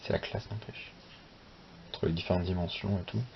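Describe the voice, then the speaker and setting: In a relaxed unboxing video, a young manga channel host leafs through a magazine, rambling and swearing a little as he talks to himself. His low, gravelly voice keeps a normal speed, and the audio is a bit dull with a steady hiss.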